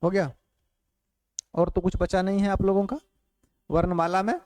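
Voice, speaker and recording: A man teaching a grammar class who repeats phrases slowly for note-taking and keeps asking quick check questions. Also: high voice, level tone, darkish tone, no echo. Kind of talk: classroom lecture.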